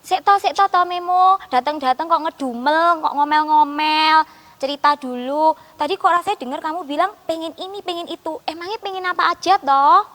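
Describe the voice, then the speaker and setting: A woman Sunday school teacher, gently coaxing and explaining to a child puppet. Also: high voice, normal speed, big-room sound.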